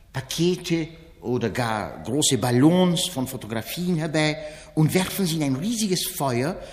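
A man giving a formal public reading, introducing a play in a measured, declamatory way. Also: on the high side. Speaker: author-style reader introducing a play. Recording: long reverberant hall.

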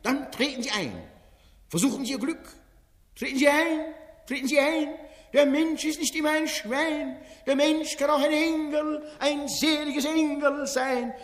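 High-pitched, boastful fairground town crier. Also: male voice, a little slow. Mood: coaxing, rousing. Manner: town-crier hawking with insistent repeated calls. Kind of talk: dramatic reading of a stage comedy. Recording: long reverberant hall.

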